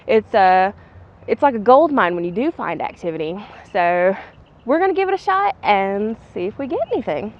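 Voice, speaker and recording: Outdoors at a bridge, a woman hosts a casual ghost-hunting vlog, chatting informally with viewers and calling out questions to spirits. Her medium-pitched voice is very animated at a normal pace, and the muffled recording has clear background noise and clicks.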